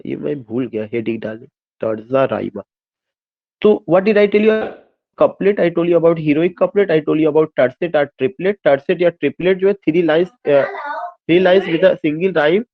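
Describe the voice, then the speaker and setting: A man's voice: on the high side, dry recording. A man teaching poetic forms in mixed English and Hindi, posing questions and answering them himself, with frequent hesitations. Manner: explains by asking and answering his own questions. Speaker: literature teacher. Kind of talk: lecture mixing English and Hindi. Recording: dull, dry lo-fi sound.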